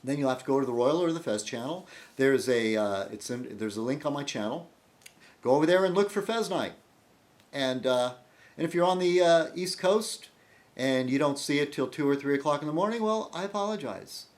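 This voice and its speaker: Rambling man talking with a lively pitch. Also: moderate pace. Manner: rambling, self-interrupting, addresses commenters. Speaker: video blogger host. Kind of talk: casual vlog monologue.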